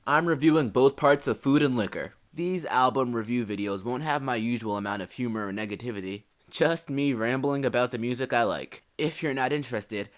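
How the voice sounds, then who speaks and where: A young man giving a scripted, earnest album review with dry asides, hosting his own video. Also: mid-range voice. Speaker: music reviewer. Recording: faint music bed behind voice.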